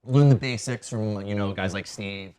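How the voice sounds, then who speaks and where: In a mellow, clean, fairly low voice at normal speed, a New Hampshire man in his thirties chats as a guest wrestler in a casual TV studio interview. He tends to ramble, filling his speech with "you know" and "like."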